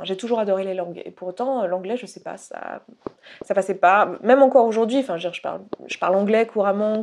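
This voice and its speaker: A woman's voice: mid-range voice, a little mellow. A young woman from Haute-Savoie talking candidly to camera in a casual vlog, with many restarts and fillers. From Haute-Savoie, France. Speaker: YouTuber.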